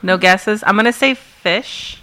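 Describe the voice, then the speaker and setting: A woman's voice: mid-range voice, measured pace, pushed and bright, slight background noise, poor audio. A woman co-hosting a podcast, chatting casually and tossing out dry one-liners. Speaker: podcast co-host. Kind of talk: casual chat.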